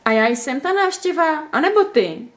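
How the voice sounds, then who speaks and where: Casting: woman voicing a prim, excitable storybook girl, high and very lively. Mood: excited, prim. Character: lively, touchy young woman playing a game. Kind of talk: storybook reading.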